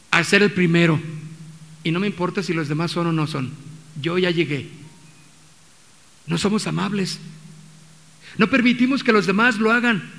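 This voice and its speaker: A man's voice: sits high, bright, forceful tone. A man with a Mexican accent preaching a sermon as pastor, talking in a conversational way with many restarts and acting out quotes. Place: church hall. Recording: long reverb of a church hall.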